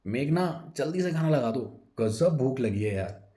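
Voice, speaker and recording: A man's voice: mid-range voice, lively intonation, moderate pace, dark tone, pitched above the performer's own voice, close to an everyday voice. A man voicing a sly middle-aged husband who stammers through nervous excuses to his wife. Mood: casual, hungry.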